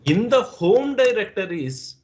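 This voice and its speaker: A man's voice: high voice, very animated, measured pace, darkish tone, a little hiss or hum. A man with an Indian English accent teaching a live online class, patiently repeating points and checking that students understand. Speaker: instructor.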